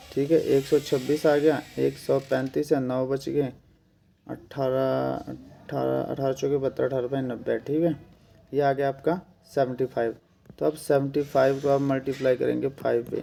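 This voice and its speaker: A man's voice: medium pitch, vocal fry, dark tone. A man with a Himachali Hindi accent teaching an exam-prep maths lesson, patiently repeating steps and working sums aloud.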